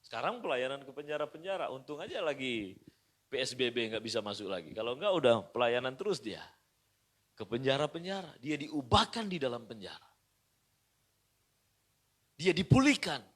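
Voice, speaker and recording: A middle-aged man from Indonesia preaching a sermon as pastor at home, moving from quiet asides to shouted praise. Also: medium pitch, big pitch swings, moderate pace, long pauses. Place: pastor's house.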